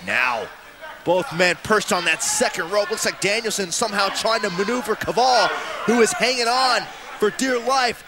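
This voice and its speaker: High-pitched, excitable male wrestling commentator. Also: normal speed. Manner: emphatic, exclamatory calls with dramatic repetition. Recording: loud arena crowd noise behind. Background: roaring wrestling crowd.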